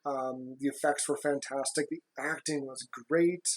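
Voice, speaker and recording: A woman co-hosting a podcast in a casual, chatty style, halting and often repeating her words. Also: extremely low pitch, fairly even intonation. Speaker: podcast co-host.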